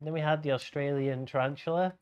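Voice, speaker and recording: A man working as a bingo caller and host, announcing each item in a measured way with spaced-out names. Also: a little high, steady tone, darkish tone, clean tone, muffled recording.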